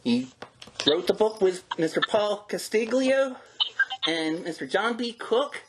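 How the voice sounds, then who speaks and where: A male podcast host introduces his show and interviews a guest in a chatty, informal way. His voice is high with lively intonation and a slightly slow pace, and the recording has a roomy echo and clear background noise.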